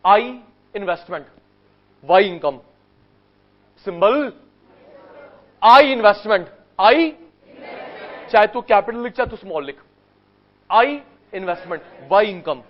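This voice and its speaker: A man with an Indian accent teaching economics in a classroom, drilling terms by repetition and pushing students to answer quickly. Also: sits high, expressive, muffled recording. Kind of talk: classroom lecture with call-and-response drills.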